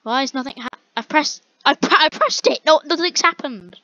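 A young woman giving rambling, exasperated commentary on a slow-loading online game while chatting with a friend. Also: high-pitched, bright, forceful tone, dry recording. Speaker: gamer. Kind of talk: casual gameplay commentary. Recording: dull lo-fi dry recording.

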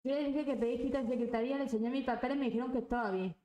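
A woman's voice: fairly high pitch, fairly even intonation, very fast, warm tone, echoey room, poor audio. A young woman ranting angrily and swearing while chatting on a live stream. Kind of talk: casual live-stream chat.

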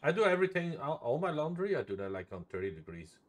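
This male roleplay-game streamer has a fairly high voice with big pitch swings and talks quickly. Chatting casually on stream, he curses liberally and repeats phrases for fun.

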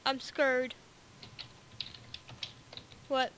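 A woman plays a game and chats along the way. Her voice sits high and has a sharp, bright edge, and she bursts into quick, excitable chatter. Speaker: gamer co-host. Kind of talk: casual gameplay chat.

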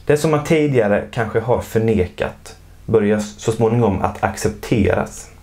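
A man with a somewhat low voice narrates an educational explainer in a calm, measured way. His delivery is scripted and informative, recorded as a close voice-over.

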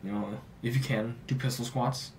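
Young male fitness vlogger, relaxed filler-heavy delivery, mic a bit distant, faint hum. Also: mid-range voice, normal speed. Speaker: fitness YouTuber. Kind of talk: casual talking-head advice. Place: small home office, indoors.

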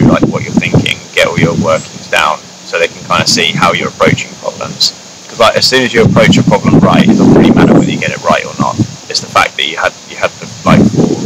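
A young man from New Zealand, an engineering student, answering interview questions in a relaxed, rambling way with many "like"s. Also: low-pitched, fast talker, creaky. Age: young adult. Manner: relaxed, rambling, fills with "like" and "kinda". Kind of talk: casual interview. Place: outdoors in a grassy field. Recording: steady outdoor noise behind.

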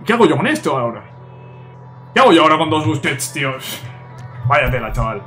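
A young man, excitably commentating his own gameplay and talking to viewers. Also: fairly high pitch, fairly quick, faint music behind. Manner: excitable, talks to viewers, frequent "tío". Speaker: gaming youtuber.

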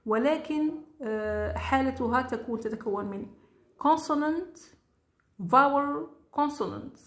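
A woman teaches a grammar lesson in a deliberate, unhurried way. She stretches each English word and repeats it before giving its meaning. Her voice sits a little high and carries in a roomy space. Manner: spells out words slowly, switches between English and Arabic. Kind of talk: slow classroom grammar lesson. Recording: echoey room.

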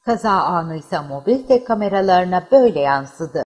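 A woman narrating a local news report in a steady, formal news-reading voice. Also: lowish voice, moderate pace, background noise.

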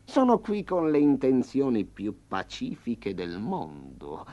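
A man voicing a smug, hungry male tiger with a slow, low, purring growl in a storybook reading. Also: huge pitch swings, mellow. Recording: slightly dull lo-fi.

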